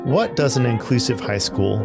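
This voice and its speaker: A man narrating his visit to schools as a podcast host, in a measured, reflective storytelling style. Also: medium pitch, creaky. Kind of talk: scripted narration. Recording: narration over guitar music. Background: guitar music.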